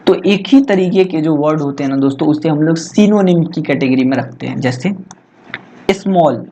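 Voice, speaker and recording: A man tutoring students in a lesson, chatty and asking rhetorical questions, slowing down to dictate English phrases. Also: fairly high pitch, mellow, a little hiss or hum. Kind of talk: Hindi-English exam lesson. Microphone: laptop recording.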